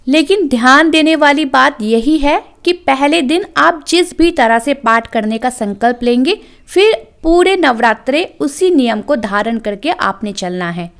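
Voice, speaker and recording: High-voiced woman explaining a ritual. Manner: calm step-by-step explaining. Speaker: devotional channel presenter. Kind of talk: scripted instructional narration.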